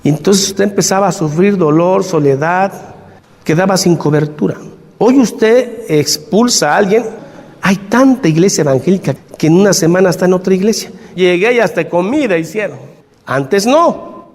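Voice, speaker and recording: Male preacher, lively sermon delivery, pitched high, hall reverb behind him. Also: normal speed. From Mexico. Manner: animated, swings between loud emphasis and quiet asides, acts out quoted church members.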